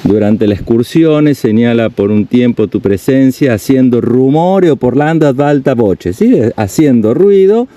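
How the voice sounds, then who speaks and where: An Argentine travel vlogger walks through a mountain village outdoors, casually commenting, reading signs aloud and explaining them. His mid-range voice is expressive and mellow, unhurried with few pauses, and there's no echo.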